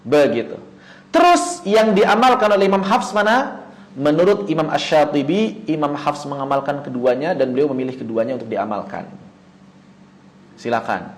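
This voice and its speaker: A man's voice: a little high, expressive, poor audio. Man teaching, answering his own questions. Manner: explains with questions he then answers himself; chants Quranic words slowly and drawn out. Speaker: tajwid teacher. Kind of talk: online lesson.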